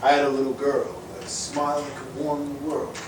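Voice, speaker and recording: A man plays a gangster kidnapper full of slangy tough-guy menace in a live stage play. He is picked up from a distance in a reverberant hall with clear background noise. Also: mid-range voice, monotone, moderate pace, lightly acted. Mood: menacing. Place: theater stage. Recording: distant echoey hall recording, noisy.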